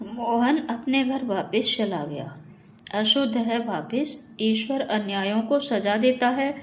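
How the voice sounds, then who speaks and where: Woman, Hindi grammar teacher, methodical, slightly high voice, faint background noise. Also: lively intonation, takes it slowly. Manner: methodical, reads each sentence then corrects it. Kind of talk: online exam-prep lesson.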